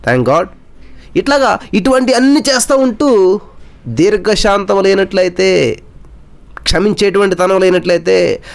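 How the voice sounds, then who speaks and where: High pitched guy preaching, keeps asking "ah?", throws in english words, slows down to drive points home. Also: vocal fry. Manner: emphatic, rhetorical questions, frequent "ah?" tags; mixes English words into speech. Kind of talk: sermon.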